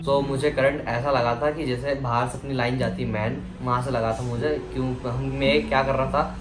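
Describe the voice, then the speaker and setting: A man's voice: medium pitch, fairly even intonation, normal speed, noisy background. A young man telling a personal story in a casual vlog, rambling with restarts and fillers. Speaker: vlogger. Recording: echoey room with music behind.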